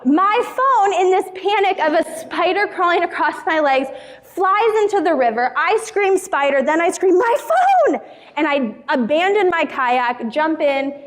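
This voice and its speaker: A young woman pastor telling a funny personal story in a casual sermon to a church group. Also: high-pitched. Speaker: youth pastor. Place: church hall. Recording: hall reverb.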